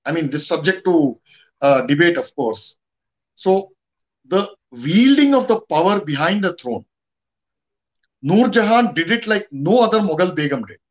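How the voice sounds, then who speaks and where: High-pitched Indian man in discussion. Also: lively intonation, unhurried, pauses often, muffled recording. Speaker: guest commentator. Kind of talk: conversational history and politics discussion.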